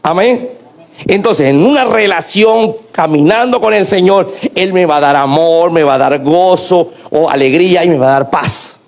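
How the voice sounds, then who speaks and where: High-voiced pastor preaching. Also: male voice, normal speed. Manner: preaching, calling on the congregation to repeat and answer. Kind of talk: sermon.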